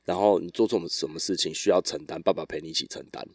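Deep-voiced man, rambling. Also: fast talker, no echo, clean studio sound. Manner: relaxed, rambling storytelling with restarts. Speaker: podcast host. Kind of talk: casual solo podcast chat.

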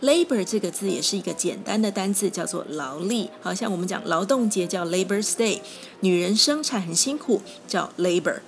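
A woman teaching English vocabulary in a lesson. She spells words letter by letter and repeats them slowly and patiently. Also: medium pitch, animated, soft background music.

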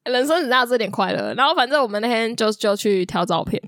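A woman's voice: fairly high pitch, expressive, fast, fairly bright tone, dry recording, clean studio sound. A young Taiwanese woman co-hosting a casual chat podcast, telling a story in a dramatic, self-mocking way with swearing. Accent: Taiwanese Mandarin. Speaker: podcast co-host.

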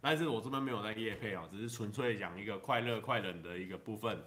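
A man with a Taiwanese Mandarin accent chatting casually on a livestream, rambling through jokes with drawn-out particles and chuckling at his own punchlines. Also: on the low side, fairly bright tone.

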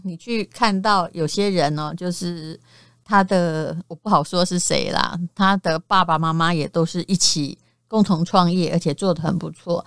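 A middle-aged woman hosting a podcast, talking candidly in casual chat and trailing her sentences with drawn-out particles. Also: on the low side, dry recording, studio quality. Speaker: podcast host.

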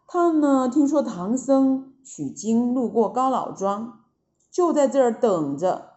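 A woman narrating a classic children's story with lively, drawn-out storytelling. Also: medium pitch. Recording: echoey, dull lo-fi recording.

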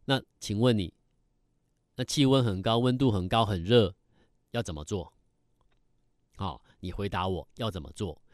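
A man's voice: fairly low pitch, moderate pace, pauses often, no echo, studio quality. A middle-aged man giving broadcast stock market commentary, emphatic and full of rhetorical questions.

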